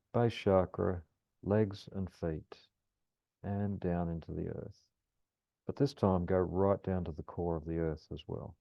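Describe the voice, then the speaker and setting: A man guiding a calm grounding meditation, speaking gently and soothingly as a teacher. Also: low voice, creaky. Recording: roomy, slightly dull lo-fi sound.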